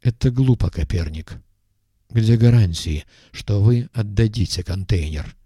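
A man reading an audiobook voices a stern, weary middle-aged intelligence chief who speaks in a measured, reproachful way. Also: on the low side, warm tone, slightly rough, no room sound, clean studio sound.

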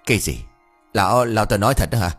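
A man's voice: fairly low pitch, fast talker, a bit bright, faint music behind. A man doing a blunt, scolding old master. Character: hot-tempered old village master.

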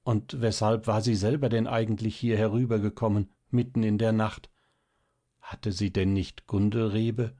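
A man calmly narrating a classic story as an audiobook reader. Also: lowish voice, moderate pace. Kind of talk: scripted narration.

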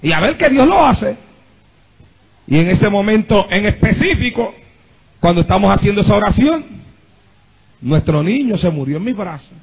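A male pastor delivers a fervent sermon in a high, gravelly voice with a husky edge, breaking into cries of praise and climbing into impassioned shouting. The recording is dull and lo-fi. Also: big pitch swings, normal speed, pauses often. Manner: fervent preaching with frequent praise interjections.

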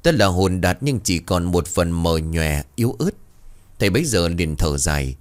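A man's voice: low-pitched, animated, moderate pace. A man narrating a horror story in a dramatic, suspenseful way.

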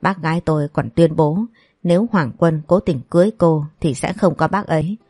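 A woman's voice: low voice, normal speed, mellow, no room sound, studio quality, faint music behind. A woman voicing a spiteful, scheming young woman who sneers and insults her rival.

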